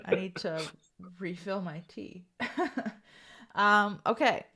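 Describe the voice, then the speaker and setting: A woman with a gravelly voice co-hosting a casual live podcast, chatty and relaxed. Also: medium pitch, takes it slowly, noisy background. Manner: relaxed, chatty, thanks listeners. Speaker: podcast co-host.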